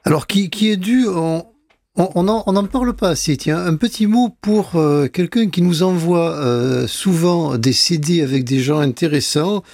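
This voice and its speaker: A man's voice: on the high side, normal speed, darkish tone, dry recording. A man presenting jazz albums on a radio show in a casual, hesitant way, with many fillers and restarts. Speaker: radio music columnist. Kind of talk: casual radio music chat.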